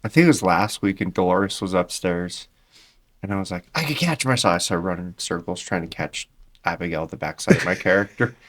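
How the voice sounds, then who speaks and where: A man co-hosting a podcast, chatting casually and throwing in deadpan jokes. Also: sits low, brisk, dry recording.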